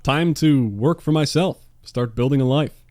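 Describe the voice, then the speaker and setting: A man's voice: mid-range voice, unhurried, warm tone, no room sound. Dry, sarcastic young man on a close studio mic. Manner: dry, sarcastic, self-mocking humor. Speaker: gaming YouTuber answering viewer questions. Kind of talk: casual commentary monologue. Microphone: dynamic studio mic on a stand.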